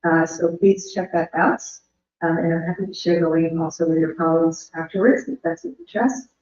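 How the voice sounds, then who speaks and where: A woman delivers an earnest academic presentation, her voice going hoarse. She builds her points in measured lists. The audio is roomy and dull, like a remote call. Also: fairly low pitch, a little mellow. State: losing her voice. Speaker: invited speaker.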